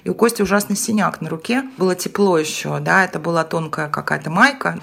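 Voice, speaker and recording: A woman's voice: fairly low pitch, fast, creaky, a bit bright, breathy edge. A woman in her forties, a podcast co-host speaking frankly in casual chat. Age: 40s. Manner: frank, blunt.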